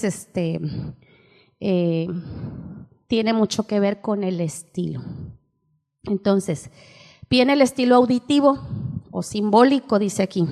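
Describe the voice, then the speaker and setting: A woman's voice: mid-range voice, a little mellow. Older woman lecturing in a reverberant hall. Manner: explains while reading aloud, keeps asking ¿sí?. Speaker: teacher trainer at a church seminar. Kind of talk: seminar lecture. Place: church hall.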